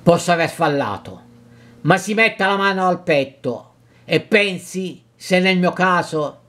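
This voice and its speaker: A man's voice: sits high, animated, measured pace. A man doing a hot-tempered young peasant. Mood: softened. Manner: forceful, insistent demands. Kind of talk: dramatic reading of a novel.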